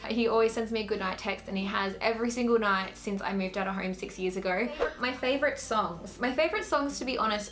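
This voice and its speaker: A twenty-something Australian YouTuber speaks in a mid-range, slightly bright voice. Chatty and casual, she answers Q&A questions to camera, sprinkling "like" throughout.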